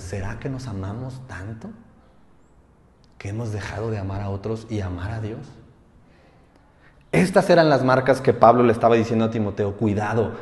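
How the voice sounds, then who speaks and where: A male pastor preaching a sermon, firing rhetorical questions with emphatic swells and hushed drops. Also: fairly low pitch. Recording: roomy hall with long reverb.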